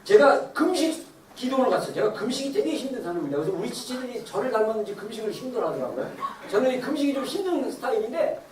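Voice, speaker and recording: Animated pastor in a roomy church. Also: high-pitched, slight background noise. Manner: animated, acts out quoted voices; laughs while preaching. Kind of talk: Sunday sermon. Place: church sanctuary. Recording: roomy echo, distant mic, faint ambience.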